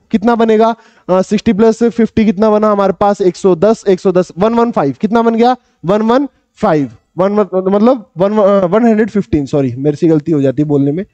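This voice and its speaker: A young man teaching a maths lesson in an energetic, coaxing tutoring style, repeating questions back to his students and calling himself their big brother. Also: high voice, no room sound. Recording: dull, slightly lo-fi dry recording.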